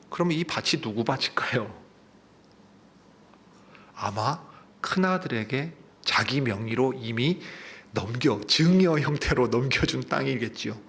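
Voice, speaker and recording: A man's voice: medium pitch, a bit bright. A man, a pastor, preaching a Sunday sermon, retelling a parable with questions to the congregation. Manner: storytelling preaching with asides to the congregation.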